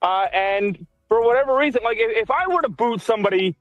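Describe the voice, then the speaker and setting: A man gives wry, sarcastic commentary in a played clip. His voice sits high. The audio is dull, dry and lo-fi. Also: animated, a little fast, dry recording, soft background music.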